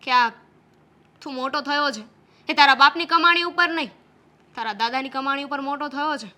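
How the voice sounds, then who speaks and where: A woman's voice: high-pitched, moderate pace, bright, forceful tone. A young woman playing a frustrated pregnant wife who scolds her husband in a family drama. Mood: anxious. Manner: scolding, reproachful.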